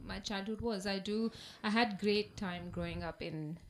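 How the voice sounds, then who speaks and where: A woman's voice: mid-range voice, moderate pace. Woman podcast cohost in her thirties, laughs a lot, loose rambling chat, bit of background hiss. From Pakistan. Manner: laughs often, many fillers and restarts. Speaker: podcast co-host.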